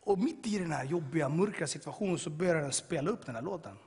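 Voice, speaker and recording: A man with a slightly high, husky voice tells his testimony to a listening crowd. He swings between sudden loud bursts and quiet, hushed stretches. His voice rings out with a long reverb, as in a big hall. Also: lively intonation. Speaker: person giving a testimony. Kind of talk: personal testimony to an audience.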